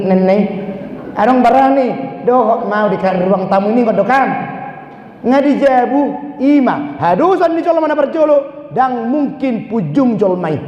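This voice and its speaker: A man with a Batak accent preaching a sermon as pastor, animated and asking the congregation questions. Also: high-pitched. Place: church. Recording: echoey church hall, dull lo-fi sound.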